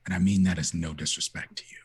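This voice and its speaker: A man playing a measured, wary vampire in a tabletop game, with a very husky, breathy, understated voice. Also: deep voice, fairly even intonation. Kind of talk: tabletop role-play acting.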